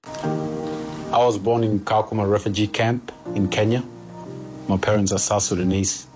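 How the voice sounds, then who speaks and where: A man's voice: lowish voice, little pitch movement, unhurried. A man speaking earnestly in a promotional video, played back with music behind him.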